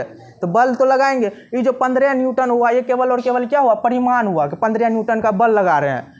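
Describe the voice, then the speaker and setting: High-voiced teacher checking in with students. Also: male voice. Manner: repeats questions to students, casual teasing checks. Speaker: physics teacher. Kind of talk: classroom lecture.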